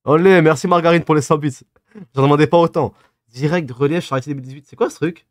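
A man's voice: a little high, fast talker, no echo, clean studio sound. A man in his twenties with a lisp on his s sounds, chatting casually and teasingly as he reads and answers livestream comments in slangy banter. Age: 20s. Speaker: live streamer. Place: small dim room at a desk.

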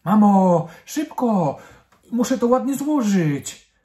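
Brief: man plays a spirited small girl for a kids' story, loud and urgent, stretched slowly. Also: a little high, heavily acted. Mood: eager. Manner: excited, urgent, raised voice. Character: lively spirited little girl.

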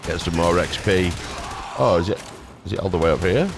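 A gaming YouTuber provides casual, playful commentary over game music, tossing in exclamations and mild stand-ins for swear words. His voice is low and he talks fairly quickly.

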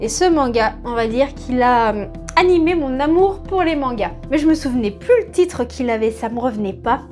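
A woman in her thirties with a high voice chats about her new books in a home vlog, pausing often and hesitating mid-sentence. Soft music plays quietly behind her voice, recorded at home by a camera in front of her. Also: expressive. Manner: chatty, with frequent hesitations. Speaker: book vlogger. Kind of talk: casual manga haul vlog. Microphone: camera in front at mid-shot.

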